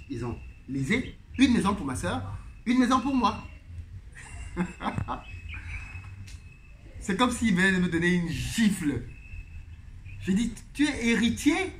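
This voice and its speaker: Guy telling a story, lots of repeating for emphasis, kinda high voice. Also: a little hiss or hum. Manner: animated, retells dialogue with emphatic repetition. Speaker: host. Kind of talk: storytelling monologue.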